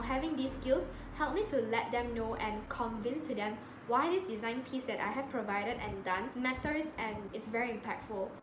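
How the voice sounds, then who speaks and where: A woman's voice: a little high, background noise. Reflective young woman in an echoey room. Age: 20s. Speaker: designer guest. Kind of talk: direct-to-camera interview answers. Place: indoor bedroom.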